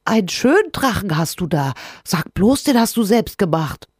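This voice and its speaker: Woman reads tiny male cold creature, storybook: squeaky, giggly, very high, big pitch swings. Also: big pitch swings, moderate pace, husky, no room sound, studio quality. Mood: cheerful. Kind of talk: storybook reading.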